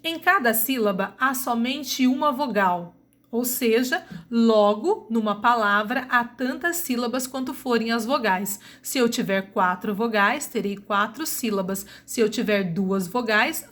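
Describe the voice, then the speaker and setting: A woman teacher with a Brazilian Portuguese accent giving a recorded grammar lesson, slowly and deliberately spelling out sounds. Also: a little high, a bit bright.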